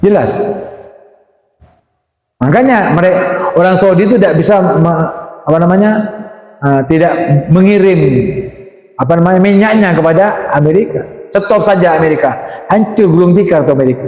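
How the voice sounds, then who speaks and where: A man's voice: sits high, moderate pace, pauses often, a little mellow. A man preaching a Quran commentary sermon, asking the audience frequent rhetorical questions. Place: mosque or religious school hall. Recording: echoey hall reverb.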